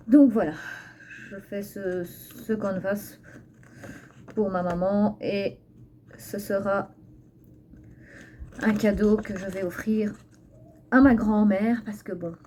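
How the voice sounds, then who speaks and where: Female craft vlogger, slushy lisped s, soft dark tone, unhurried and hesitant delivery, homemade phone audio. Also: medium pitch. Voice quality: lisp, slushy sh for s. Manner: hesitant, thinking aloud. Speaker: craft tutorial host. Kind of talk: casual unscripted tutorial chat. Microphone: phone used for filming. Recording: phone recording with faint background noise.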